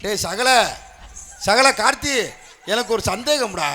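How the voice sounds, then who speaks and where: A man performing comedy in a village stage drama, teasing and calling out loudly, on a live stage mic. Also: sits high, animated, measured pace, some chatter behind.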